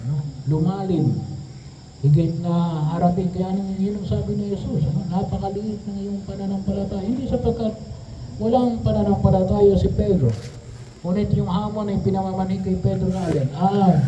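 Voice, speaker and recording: A priest giving a homily, often pausing on tag questions. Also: male voice, sits high, dark tone. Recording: echoey room from a distance, dull sound, faint noise.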